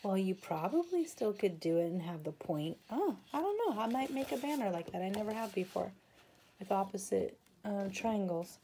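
A woman's voice: mid-range voice, very animated, normal speed, dark tone, slight background noise. A woman showing off her craft supply haul in a casual video, gushing over each item and saying she is tired. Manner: gushing, breathless exclamations. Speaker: craft vlogger.

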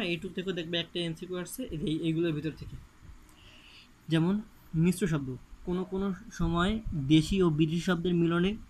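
A man's voice: a little high, slight background noise, rough recording. A man with a Bangladeshi Bengali accent teaching an exam-prep lecture, reading word lists off the page and stressing which items matter. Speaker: admission coaching teacher.

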